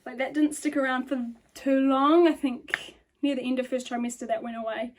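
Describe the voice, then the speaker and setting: A woman's voice: high voice, steady tone, normal speed, a little hiss or hum. A young woman in her twenties chatting casually into her phone in her bedroom, rambling with lots of ums and likes and a little out of breath. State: a bit out of breath. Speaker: vlogger. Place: bedroom by a lamp. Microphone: phone camera.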